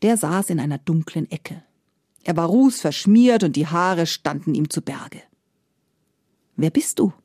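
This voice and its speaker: A woman's voice: fairly low pitch, a little slow, dry recording. Woman telling a fairy tale, dry studio. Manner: lively, acting out characters' lines. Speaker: storyteller.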